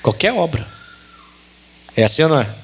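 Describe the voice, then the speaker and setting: A Brazilian pastor preaches with emphasis, hammering home his points by repeating them. His voice sits high for a man. It rises and falls widely as he drives each point home. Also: very animated, normal speed, a bit bright, breathy edge. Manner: emphatic, repeats key phrases. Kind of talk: sermon. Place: church service.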